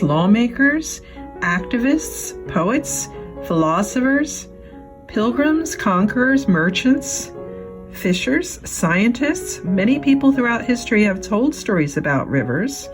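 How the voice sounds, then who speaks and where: A woman with a slightly high voice reads a picture book to young listeners as a children's librarian. She phrases it expressively and takes her time.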